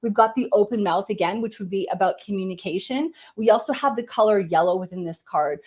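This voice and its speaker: During a live-stream reading, a woman medium talks a little fast in a mid-range, slightly rough voice. She searches gently for words, hedges with many "likes" and "ums," and softens to a murmur as she tunes in.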